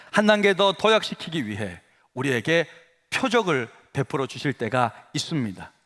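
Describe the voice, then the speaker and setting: A middle-aged man, senior pastor, preaching a sermon as animated storytelling in a church sanctuary. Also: on the high side. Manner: animated storytelling, acts out dialogue. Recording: reverberant church hall.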